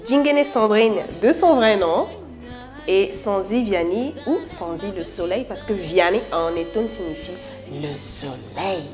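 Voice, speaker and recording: Cameroonian woman in her thirties, musician, chatty and playful, mid-pitched voice, soft music underneath. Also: a little slow. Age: 30s. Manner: playful, chatty, slips between French and English. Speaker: musician interviewee. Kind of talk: self-introduction interview.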